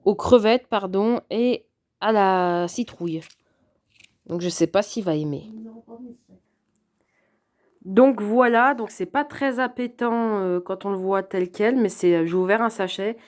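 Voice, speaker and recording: A woman chatting casually through an unboxing of a cat subscription box, often pausing with fillers. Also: medium pitch, darkish tone. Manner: chatty, hesitant with frequent fillers.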